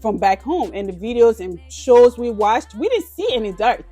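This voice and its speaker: A woman's voice: a little high, lively intonation, moderate pace, dark tone, soft background music. Liberian-born woman chatting about her life. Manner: chatty, with many "you know" fillers. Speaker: business owner interviewee. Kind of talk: casual interview.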